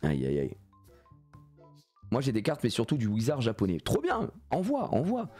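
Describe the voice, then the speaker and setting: A man in his thirties, congested with a cold, is live-streaming a game and chatting with viewers. His medium-pitched voice moves at a normal speed with a breathy edge, and faint music plays behind him. He's animated and jokey, swears a lot, and reads chat messages aloud.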